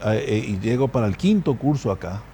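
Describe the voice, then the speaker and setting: Halting, mellow-voiced male talk host. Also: lowish voice, sing-song, a little hiss or hum. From grew up partly in Argentina and Ecuador. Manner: halting, many fillers and restarts. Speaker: radio talk show host. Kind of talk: casual studio conversation.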